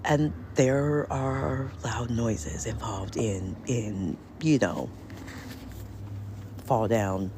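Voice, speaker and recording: A woman telling her story in a casual vlog from home, halting with many restarts and often dropping to near whispers. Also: a bass voice, background noise. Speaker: vlogger. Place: indoors at home.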